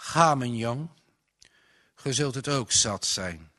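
A man's voice: mid-range voice, animated, takes it slowly, bright, forceful tone, full character voice. A man voicing a caring farmer's wife who soothes her son. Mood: tender. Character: caring old farmer's mother.

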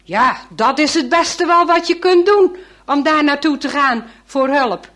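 A woman voicing a middle-aged fisherman who is kind but firm and talks loudly, as if calling over a storm. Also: high-pitched, lively intonation, unhurried. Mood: kindly firm.

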